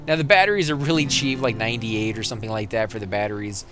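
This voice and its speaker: A man giving casual, rambling let's play commentary, correcting himself as he goes and getting excited in fights. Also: lowish voice, quick pace. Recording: game music loud behind voice. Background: game music and vehicle sounds.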